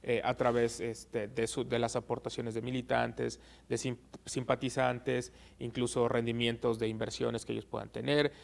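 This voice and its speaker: A man being interviewed as an expert on election law, explaining at a measured pace with frequent "eh" pauses. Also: medium pitch, level tone, creaky.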